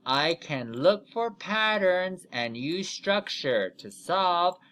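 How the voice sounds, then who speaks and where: A man speaks to young children like a kids show host, in a fairly high voice that moves up and down a lot. He goes slowly and deliberately through each step of the lesson. He often stops to check that his listeners are following. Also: expressive, fairly bright tone. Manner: deliberate step-by-step explaining, frequent "okay?" check-ins. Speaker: math teacher for young children.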